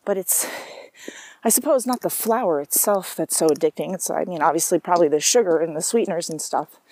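A South African woman vlogs to her camera in a casual personal monologue, rambling from thought to thought with many asides and restarts. Her voice is fairly low, brisk, a little mellow and slightly rough.

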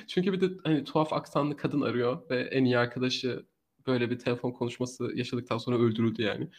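A man co-hosting a casual true crime podcast, telling the story in an animated way and laughing often. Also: medium pitch, fast.

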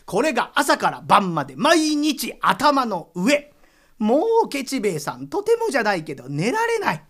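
A woman's voice: a little high, wildly swooping pitch, normal speed, fairly bright tone. A woman narrating a comic rakugo tale in polite storyteller's speech.

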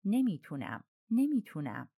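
A woman's voice: medium pitch, huge pitch swings, vocal fry, mellow, full character voice. A woman voicing a guarded, emotional young English governess in an audiobook. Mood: distraught. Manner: strained, emotional.

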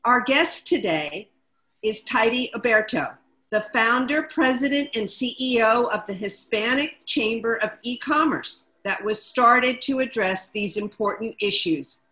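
A woman co-hosting a talk show, introducing a guest and reading prepared figures in a measured way. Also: fairly high pitch, animated, bright, forceful tone, reverberant, low-quality recording. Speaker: co-host.

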